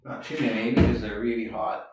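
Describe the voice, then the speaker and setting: A man's voice: medium pitch, fairly even intonation, fairly quick, darkish tone, slight background noise. A man giving a casual cooking demonstration in a home kitchen, chatting as he works and correcting himself along the way. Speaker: home cook. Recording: very echoey room, mic far off.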